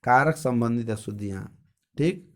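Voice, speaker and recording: Man teaching grammar, asks and answers himself. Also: mid-range voice. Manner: repeats each word slowly and carefully. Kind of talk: grammar lesson.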